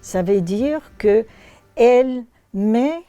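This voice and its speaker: A woman's voice: fairly high pitch, lively intonation, extremely slow, mellow, dry recording, soft background music. A woman, a native Portuguese speaker with a Brazilian accent, speaking reflectively at a bookshop event as the author presenting her book, searching for words and reading passages aloud.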